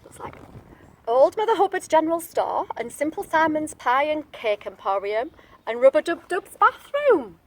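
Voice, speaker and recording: This storybook reader, teacher-like in manner, reads a picture book to young kids with lots of expression, chatty asides and questions. She has a high voice with big pitch swings and keeps a moderate pace.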